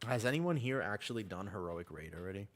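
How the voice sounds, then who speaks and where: Speaking a bit quickly in a lowish voice with lively intonation, this streamer keeps things casual and full of slang as he plays an online game and talks to his audience and teammates.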